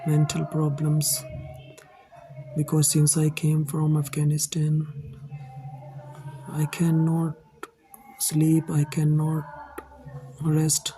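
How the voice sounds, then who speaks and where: A man from India speaks English with an Indian accent and Hindi as his first language. He tells his personal story slowly and haltingly, addressing viewers as guys, in a mellow voice with an even, flat delivery. Soft music plays quietly underneath. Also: a little high, low-quality recording. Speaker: channel host telling his own life story.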